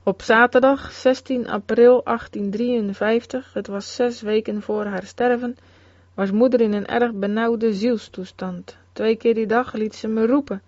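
A woman giving a solemn, measured scripted narration of a religious memoir. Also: a little high, steady tone, darkish tone, no room sound. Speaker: reader. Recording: dull, dry close recording.

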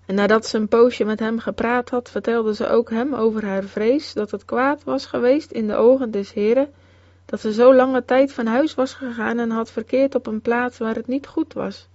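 A woman reads a religious memoir aloud in a solemn, measured way. Her voice is fairly high. The sound is dry and a little dull, as if recorded close on a modest mic. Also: fairly even intonation, darkish tone, no room sound. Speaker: reader. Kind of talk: scripted narration of a religious memoir.

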